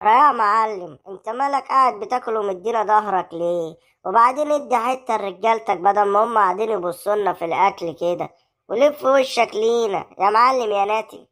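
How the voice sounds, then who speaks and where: A woman's voice: medium pitch, quick pace, a bit bright, lightly acted. A woman with an Egyptian accent voicing a cocky young male street thug who mutters insults in a cartoon comedy. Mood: needling. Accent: Egyptian Arabic.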